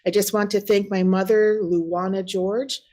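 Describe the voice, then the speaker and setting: A woman's voice: medium pitch, fairly even intonation, a little slow, a little mellow. A woman with a Wisconsin accent, a school district staff member presenting at a board meeting and reading statements aloud, laughing at her own slips.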